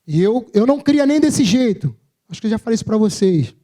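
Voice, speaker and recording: High-voiced Brazilian man preaching. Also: big pitch swings, a little fast, dark tone. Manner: humorous, self-mocking, conversational. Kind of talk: sermon with personal storytelling. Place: church service.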